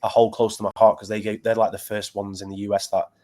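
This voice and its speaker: A battle rapper from Preston, England, with a Northern English accent, chats as a guest in a casual interview, earnest and halting with many restarts. His lowish voice is warm in tone but flat in delivery.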